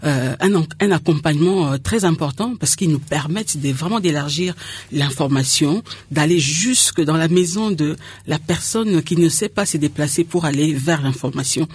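Lady on a radio interview, low husky voice, explains stuff, repeats herself. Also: normal speed, darkish tone, dry recording. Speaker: radio community liaison officer.

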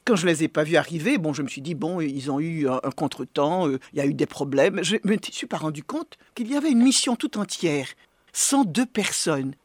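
Middle-aged woman being interviewed, husky voice, dry close sound, slow serious storytelling. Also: low-pitched, animated, darkish tone, dry recording. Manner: measured, grave storytelling. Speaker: interviewee recounting an earthquake. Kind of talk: interview testimony.

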